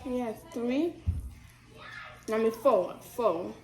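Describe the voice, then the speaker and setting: Playful young woman, slightly high voice. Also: animated, very slow, faint music behind. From Malawi. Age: 20s. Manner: playful, joking, laughing at her own claims. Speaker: mukbang co-host. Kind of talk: casual chat while eating. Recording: roomy echo.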